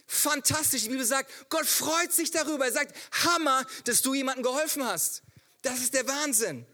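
A man in his thirties preaches to his church, weaving a family story into the sermon. His voice sits very high and sounds bright and forceful. He talks in an animated way and keeps asking rhetorical questions. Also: moderate pace. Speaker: pastor.

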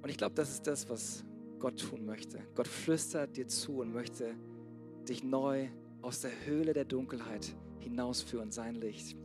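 A man preaching a sermon to a church congregation, swinging from loud urging to soft, hushed passages. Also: mid-range voice, a little slow, over music. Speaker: pastor.

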